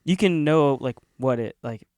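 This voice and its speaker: A man co-hosting a podcast in casual chat who laughs easily and answers with quick agreement. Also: medium pitch, darkish tone, dry recording, studio quality. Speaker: podcast co-host. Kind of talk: casual conversation.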